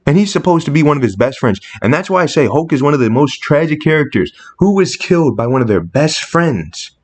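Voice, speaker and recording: A man's voice: fairly high pitch, sing-song, brisk. Impassioned man ranting casually. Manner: impassioned, rising sharply when indignant. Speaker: comics commentator. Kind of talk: casual opinion monologue.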